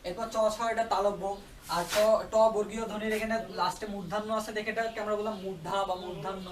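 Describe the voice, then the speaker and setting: A male tutor explains a grammar lesson, repeatedly stopping to ask whether students follow. His voice sits high, steady in tone, and he talks fast. He is far from the mic, with roomy echo and a noisy background.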